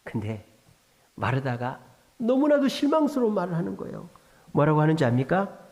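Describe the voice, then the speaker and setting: A male pastor preaching a sermon in an animated way, asking his congregation rhetorical questions. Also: a little high, normal speed.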